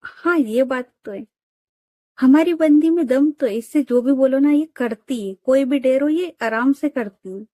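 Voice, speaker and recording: A playful young woman who hypes up her best friend, as a female storyteller voices her. She sounds brighter in pitch and louder than the narrating voice. Her delivery is unhurried and the recording is dry. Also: no room sound. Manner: playful and admiring.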